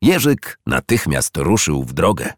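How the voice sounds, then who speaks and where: A man narrating a children's storybook in an expressive read-aloud manner. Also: a bass voice, unhurried, dry recording, clean studio sound.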